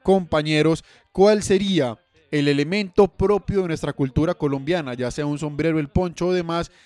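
A man with a slightly raised pitch moderates a radio panel, asking his companions questions. His voice is dry and close, with no room sound. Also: moderate pace, a little mellow, dry recording. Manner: inquisitive, moderating. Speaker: host.

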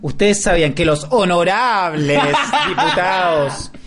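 A man's voice: high voice, lively intonation, measured pace, a loud crowd. A man with a Chilean accent co-hosting a casual podcast, laughing often and tossing out offhand remarks. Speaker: podcast co-host.

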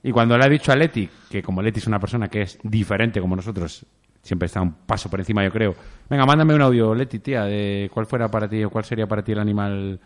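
A man's voice: fairly low pitch, fast talker. A man from Spain hosting a radio show, chatting with a co-host in a slangy way and swearing often. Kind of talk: casual banter with co-host.

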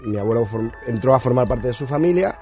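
A man's voice: mid-range voice, expressive, quick pace, a little mellow, soft background music. A man from Madrid, a mentalist guest on a radio show, telling stories earnestly with small hesitations. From Madrid, Spain. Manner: earnest, storytelling, a little hesitant. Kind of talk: radio interview. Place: radio studio.

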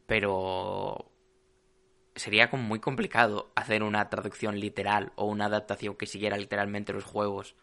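Bright, rambling man. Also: on the low side, flat delivery, moderate pace, creaky. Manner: rambling, full of "o sea" fillers and restarts. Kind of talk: casual chat.

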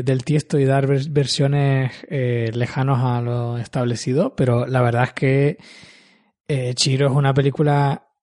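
A man's voice: mid-range voice, warm tone. A man hosting a casual podcast, chatty and self-mocking, who often restarts his sentences. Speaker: podcast host. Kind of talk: casual chat.

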